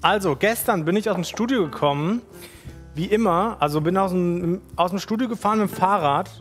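High-voiced man telling a story. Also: a little fast, faint music behind. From Germany. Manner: slangy and animated, acts out quotes. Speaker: streamer. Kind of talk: casual storytelling.

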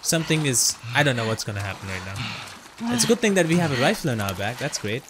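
A man's voice: medium pitch, big pitch swings, fast. Guy streaming a game, chatty, voice jumps all over, bit of noise behind. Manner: chatty, reacts aloud, laughs and curses at the game. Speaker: gameplay streamer. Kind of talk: casual gameplay commentary.

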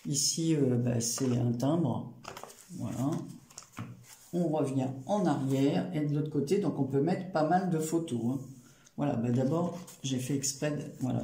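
A man's voice: medium pitch, vocal fry, warm tone. A man casually showing a handmade photo album, hesitant, with many fillers and restarts. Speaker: crafting channel host. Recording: roomy echo with faint noise.

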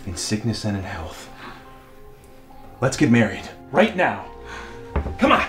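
A man's voice: lowish voice, wildly swooping pitch, takes it slowly, over music, exaggerated voice. A young man playing an intense, scheming boyfriend, earnest and pressing in a melodramatic comedy style. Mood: pushy. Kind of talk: comedic web-series acting.

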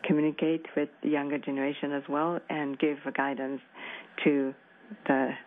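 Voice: medium pitch, flat delivery, normal speed. An interpreter speaking formally with frequent hesitation fillers, heard over a thin, phone-like radio link. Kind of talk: consecutive interpreting of a space-to-ground call. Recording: tinny radio transmission with band limiting.

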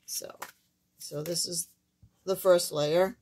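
An older woman with a thin, squeaky voice that sits fairly low and sounds a little hoarse. She talks in a casual, halting way, as the host of a hands-on craft tutorial. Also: fairly even intonation, darkish tone, slight background noise. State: hoarse while recovering from surgery. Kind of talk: casual card-making demonstration. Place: indoors at a wooden craft table, camera overhead.

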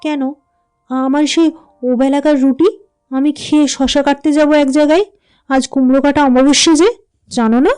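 A woman's voice: high voice, fairly even intonation, takes it slowly, pauses often, warm tone, faint music behind, pitched above the performer's own voice. A woman voicing a feverish little boy. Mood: eager. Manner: eager, childish pleading. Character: small feverish village boy.

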